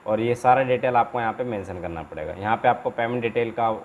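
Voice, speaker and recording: A medium-pitched man talks fast over narrow, tinny audio. He's a trainer hosting his own instructional channel, casually breaking paperwork down step by step and often repeating himself with little check-in tags, with background noise and room ambience clearly present.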